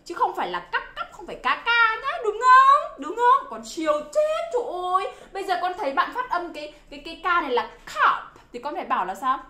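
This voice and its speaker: A woman's voice: very high voice, sing-song, a little fast, few pauses, sharp tone. A woman teaching children phonics, exclaiming often and drilling sounds by repetition. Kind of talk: phonics lesson for kids. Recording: roomy echo.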